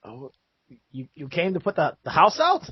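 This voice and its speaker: A man's voice: fairly high pitch, huge pitch swings, normal speed, slightly rough, dry recording, pitched above the performer's own voice, exaggerated voice. A man voicing confused, angry male guards who speak brusquely and swear, recorded on dull, dry lo-fi sound. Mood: suspicious.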